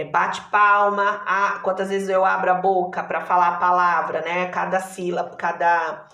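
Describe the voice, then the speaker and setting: A Brazilian woman teacher talks her pupils through a lesson, slowly and patiently, stretching words out syllable by syllable. Her voice is bright and clear. The sound carries a noticeable room echo. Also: medium pitch. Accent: Brazilian Portuguese. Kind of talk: online class lesson.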